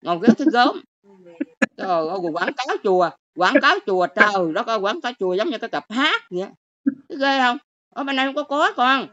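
Older woman, Southern Vietnamese accent, bright, sharp voice, scolding livestream rant, muffled lo-fi sound. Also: fairly high pitch, expressive, fast, no echo. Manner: scolding, exclamatory, lecturing. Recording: dull lo-fi stream audio.

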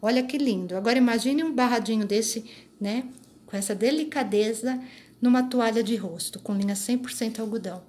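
A woman in her thirties hosts a homey crochet vlog from a small craft room, filming close-ups on a phone she holds in her hand. Her voice sits a little high, and she keeps checking in with viewers through easy tag questions and asides. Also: a little fast, darkish tone. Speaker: crochet channel host. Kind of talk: casual show-and-tell vlog. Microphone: phone held in hand.

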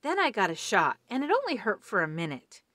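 A huge, gentle young bird boy from a storybook, read by a woman, polite and proud of himself. The voice rises and falls in lively swings and sits close and dry, with no room around it. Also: medium pitch, a little fast, dry recording, heavily acted. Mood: eager.

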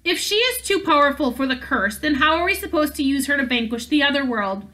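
A woman's voice: high voice, lively intonation, a little fast, pushed and bright, slight background noise. A woman voicing Moriana, an ambitious witch who speaks boastfully and spitefully.

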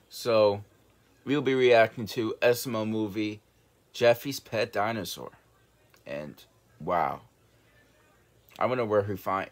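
A young man chats casually as a reaction video host. His voice is on the low side and his delivery is rambling and halting, recorded at a desk in a bedroom. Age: young adult. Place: small bedroom, indoors.

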